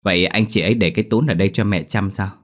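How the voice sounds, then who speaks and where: A man's voice: deep voice, fast, natural voice. A man voicing a polite young son questioning his mother in a ghost story. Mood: curious. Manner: inquiring, polite.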